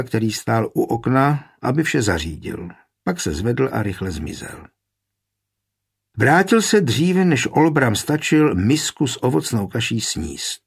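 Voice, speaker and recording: Husky male narrator, measured historical audiobook reading, middle pitch. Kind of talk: scripted narration.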